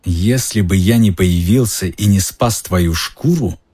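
A venomous, sneering male schoolmaster, put on by a man narrating a story. He hisses his threats in a husky, lowish voice. He bursts into shouting when he is crossed. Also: measured pace. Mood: cold contempt.

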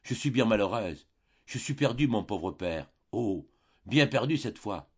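A lost, tearful young noblewoman, as a male reader puts her on, laments in a slow, husky voice. The recording is dull and lo-fi. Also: medium pitch, big pitch swings, voice pushed up, heavily acted. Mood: lamenting.

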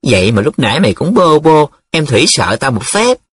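Brief: a man playing a scoffing young male student, husky and plain, in a storybook. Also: medium pitch, very animated, fairly quick, no room sound, pitched above the performer's own voice. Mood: mocking. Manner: blunt and scoffing. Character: blunt skeptical young male student, mocking.

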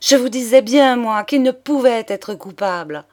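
A woman's voice: medium pitch, a little slow, lightly acted. A woman reading a novel aloud and voicing a proud young noblewoman who speaks in an imperious, impassioned way. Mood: triumphant. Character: proud young noblewoman, fiercely loyal to fiancé.

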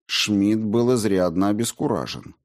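A man reading an audiobook as narrator, in a steady, measured way. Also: on the low side. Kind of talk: scripted narration.

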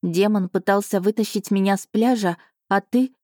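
A woman's voice: mid-range voice, normal speed, a little mellow, no room sound, clean studio sound, lightly acted. A woman reading an audiobook voices a young heroine, skeptical and wry in her questions. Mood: wary. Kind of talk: audiobook character voicing.

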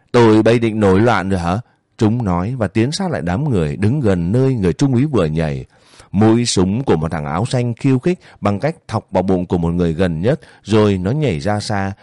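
An audiobook narrator with a low, dark male voice reads a war novel from a script in a steady, measured way. The recording is dry, with clean studio sound.

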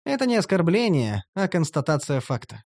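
A man's voice: fairly high pitch, big pitch swings, normal speed, darkish tone, no room sound. Sardonic male audiobook narrator, dry sound. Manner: sardonic, mocking. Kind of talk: first-person audiobook narration.

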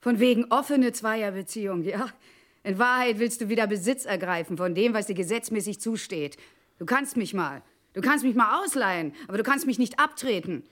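An actress playing a sharp-tongued estranged wife in a stage play, sarcastic and biting, quickly swinging between scolding and mockery. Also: female voice, medium pitch, close to an everyday voice. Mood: scornful.

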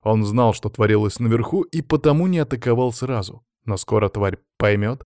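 A man reads an adventure audiobook in a steady, measured way at a middle pitch. The sound is close and dry, with no room around it. His telling is even and controlled. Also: dry recording. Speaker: audiobook narrator. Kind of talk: scripted narration.

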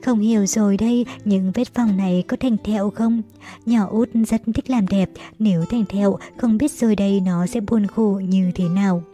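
A woman reading as a young eldest sister in an audiobook story, pleading tenderly with her little brothers and sisters, in a very dark, mellow voice. She keeps an even, middling pitch as she frets, with faint music underneath. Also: normal speed, natural voice. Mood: anguished pleading.

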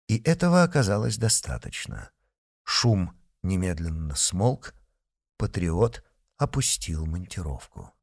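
A man's voice: lowish voice, a little mellow, no room sound, studio quality. A man narrating an audiobook expressively, voicing each character.

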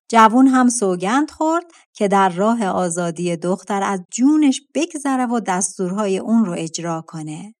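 Calm woman narrating a fairy tale. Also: mid-range voice. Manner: calm, measured storytelling. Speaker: audiobook narrator. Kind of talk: storybook narration.

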